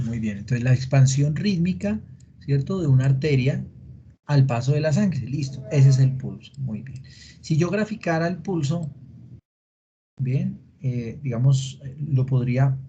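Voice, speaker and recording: This male veterinary lecturer speaks in a mellow, medium-pitched voice as he teaches an online class, explaining each step, asking students questions, and filling gaps with "eh." His computer mic in the video call produces a dull, lo-fi recording with slight background noise.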